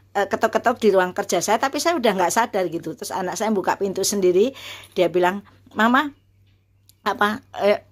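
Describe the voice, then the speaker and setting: Earnest woman in her fifties. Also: medium pitch. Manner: earnest and emotional, many fillers and restarts. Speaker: university lecturer. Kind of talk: personal testimony, casual storytelling.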